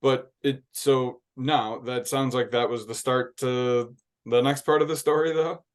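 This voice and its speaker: Male podcast host, mid-pitched, short reactive interjections. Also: fairly even intonation, unhurried. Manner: brief reactive responses.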